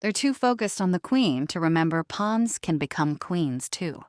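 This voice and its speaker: A woman narrates a dramatic scripted audio series in a fairly low, animated voice at normal speed. The recording is close and dry, with no room sound at all.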